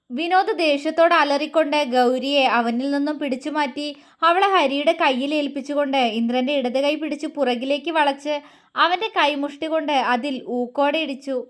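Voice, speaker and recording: A woman storyteller narrating a dramatic romantic story in an emotive, expressive reading. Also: high voice.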